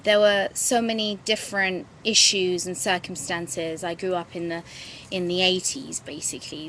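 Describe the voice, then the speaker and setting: A woman's voice: fairly low pitch, sharp tone, slight background noise, poor audio. Reflective woman. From England. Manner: reflective, halting, many ums and restarts. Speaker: vlogger. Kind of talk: casual talk to camera. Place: garden outdoors. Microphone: webcam at close range.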